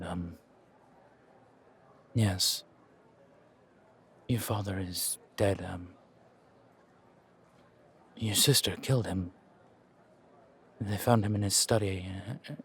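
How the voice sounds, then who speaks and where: In an audio roleplay, a man voices a low-ranking driver who is nervously polite and dutiful, hesitant and formally deferential. His husky, fully acted delivery is slow and full of pauses, with a grave, apologetic mood.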